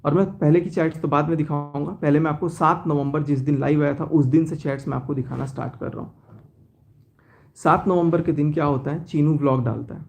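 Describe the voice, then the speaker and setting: A man's voice: fairly high pitch, steady tone, fairly quick, creaky, a little mellow. A man on a phone live stream, explaining at length and reading out chat messages, with restarts. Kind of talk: casual live-stream account, reading out chats.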